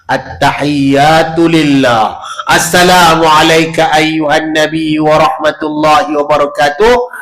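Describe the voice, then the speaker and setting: A man with a Malaysian Malay accent teaching prayer recitation at a village prayer hall, drawing out Arabic phrases slowly and stressing each sound. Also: a little high, fairly even intonation, a bit bright. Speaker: religious teacher.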